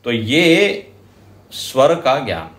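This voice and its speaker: A man with an Indian accent lectures on scripture at an unhurried, deliberate pace, stopping to chant verses. His voice sits in a middle register. The sound carries a roomy, echoing quality. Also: mid-range voice, sing-song, a bit bright. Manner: slow, deliberate explaining with chanted examples. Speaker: spiritual teacher. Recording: roomy hall echo.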